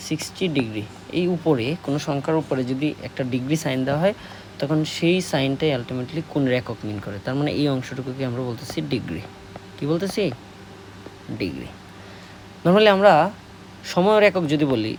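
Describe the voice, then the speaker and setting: A man with a Bangladeshi Bengali accent tutoring a math class, speaking slowly, repeating key words and answering his own questions. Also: mid-range voice, darkish tone, slight background noise. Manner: slow, repetitive, asks questions and answers them. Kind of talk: classroom lesson explaining at a board.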